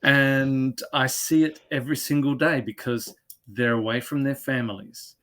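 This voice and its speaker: A man's voice: medium pitch, steady tone, moderate pace, fairly bright tone. A man with an Australian accent, hosting an interview on a video call, earnest and repeating words for emphasis. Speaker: interview host, head chef. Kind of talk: conversational interview.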